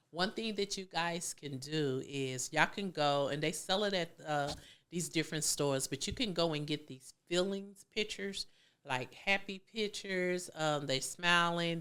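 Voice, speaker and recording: A middle-aged woman with a low, bright and clear voice gives earnest advice to parents. She talks colloquially and emphatically, often acting out what parents and kids might say. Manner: preachy, emphatic, colloquial, acts out kids' voices. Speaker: parenting talk host.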